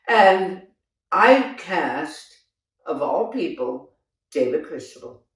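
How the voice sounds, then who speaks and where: An older woman reminisces about the theater, laughing often as she tells her stories. Her voice swings widely in pitch and she takes her time. She sounds set back from the mic in a very echoey room. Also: very slow, recorded from a distance. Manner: animated storyteller, laughs often, exclaims "oh my God". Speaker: theater director recalling past productions. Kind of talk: casual reminiscing chat.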